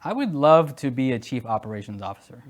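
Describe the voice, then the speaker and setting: A man in his forties answering interview questions casually, hesitant with many fillers, and animated at times. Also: mid-range voice, fast talker. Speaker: guest, security executive.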